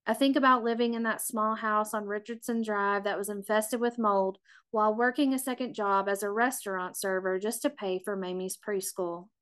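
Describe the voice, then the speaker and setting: A middle-aged woman reading her own memoir aloud in a measured, reflective and confessional way. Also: mid-range voice, fairly even intonation, a bit bright, clean tone. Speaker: author.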